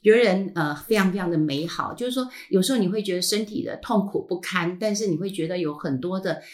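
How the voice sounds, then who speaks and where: A woman's voice: lowish voice, quick pace. A middle-aged woman with a Taiwanese Mandarin accent, telling a personal story in a casual podcast chat, full of fillers and trailing "ha" tags, her throat still healing. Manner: chatty, frequent filler sounds and trailing "ha" tags. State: recovering from a throat illness. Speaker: podcast host.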